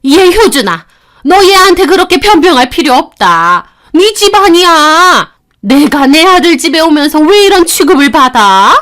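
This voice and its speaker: A woman voicing a domineering older mother-in-law who shouts and scolds her daughter-in-law. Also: high voice, lively intonation, measured pace, hardly any pauses, pitched above the performer's own voice. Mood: shrill scolding.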